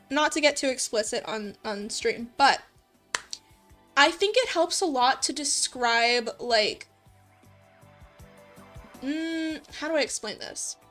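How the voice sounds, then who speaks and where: A high-pitched, fairly bright-voiced woman hosts a livestream, writing a visual novel in code and reading viewer comments with music in the background. Her chat is informal and rambling, self-conscious and giggly, with muttering while she works.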